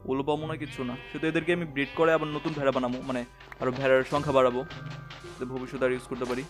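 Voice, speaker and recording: Soft-spoken young gamer man. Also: medium pitch, little pitch movement, racing, music in the background. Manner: talks softly and quietly, late-night hush. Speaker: gamer channel host. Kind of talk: casual gameplay commentary.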